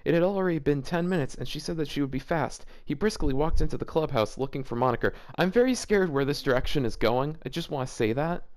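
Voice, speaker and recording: A man hosts a casual read-aloud of fan fiction, interrupting it with incredulous, joking commentary. His voice is fairly high, expressive and darkish in tone, and he speaks fast with few pauses.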